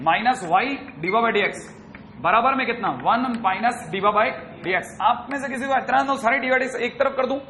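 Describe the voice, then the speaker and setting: A man teaching math in a classroom lecture, brisk and chatty, teasing his students as he works through problems. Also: very high voice, sharp tone, slight background noise.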